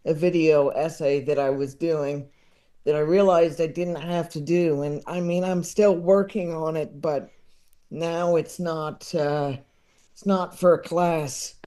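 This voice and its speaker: A man in his thirties, a comedy expert, is a guest on a podcast in a casual chat, rambling and repeating words while he gathers his thoughts. His voice is fairly high and mellow, unhurried, with fairly even intonation.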